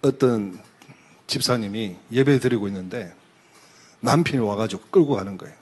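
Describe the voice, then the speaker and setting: A man preaching a sermon in a church, telling stories in short phrases and pausing for an interpreter. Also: fairly low pitch, breathy edge. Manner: animated storytelling, pausing for the interpreter. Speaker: pastor. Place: church sanctuary.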